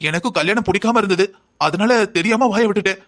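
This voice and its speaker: A man's voice: high-pitched, fast, fairly bright tone. A man voicing a stern older woman, a mother-in-law in a family cartoon drama, who scolds and lectures. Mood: hurt, reproachful.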